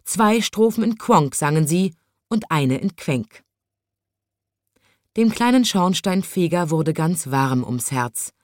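A woman with a fairly low voice for a woman reads a children's story aloud gently and evenly, taking it slowly. The recording is close and dry, with no room sound.

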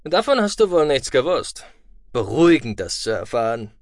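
A man voicing a calm, dryly humorous male space commander in an audiobook. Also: dry recording, studio quality, lightly acted. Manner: calm, measured, lower. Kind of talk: audiobook reading.

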